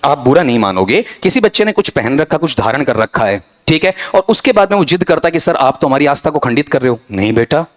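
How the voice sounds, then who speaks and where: Animated man teaching a vocabulary class. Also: on the high side, fast, hardly any pauses. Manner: animated, talks to students as beta, frequent "theek hai". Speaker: English teacher. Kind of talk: lively classroom revision lecture.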